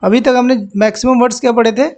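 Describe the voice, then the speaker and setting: Male exam-prep tutor, Indian accent, higher pitch, patient step-by-step explanations. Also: steady tone, a little mellow. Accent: Indian English. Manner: explains step by step, often asks "ठीक है ना"; reads example sentences slowly and deliberately. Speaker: English vocabulary teacher. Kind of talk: bilingual exam-prep lesson.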